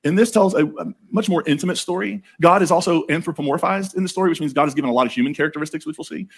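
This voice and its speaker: A man preaching a sermon in a casual, jokey way, telling the story with animated asides. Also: a little high, very fast, breathy edge.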